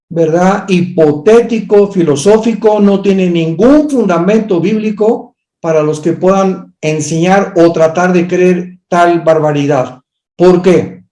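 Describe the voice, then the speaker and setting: A high-voiced man with a dark tone teaches theology, answering a student's question firmly and emphatically. He bluntly corrects speculation. The room is echoey.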